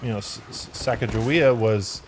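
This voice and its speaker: A man's voice: on the low side, moderate pace, a little hiss or hum. A man co-hosting a casual video game let's-play, musing easily with frequent restarts. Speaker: gaming channel co-host.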